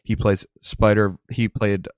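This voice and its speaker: Man, podcast co-host, casual rambling chat, slightly low voice, dry close mic. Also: flat delivery, measured pace, a little mellow, no echo. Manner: rambling, frequent ums.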